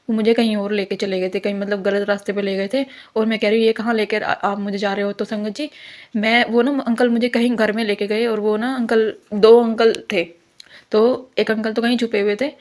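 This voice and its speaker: A young woman tells an earnest devotional testimony, wandering through restarts and asides. Her voice sits fairly high and stays flat and even in pitch. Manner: earnest, rambling with many restarts.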